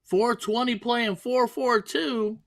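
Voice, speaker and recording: A man's voice: very high-pitched, steady tone, slow pace, creaky, a bit bright. A man giving casual live darts commentary.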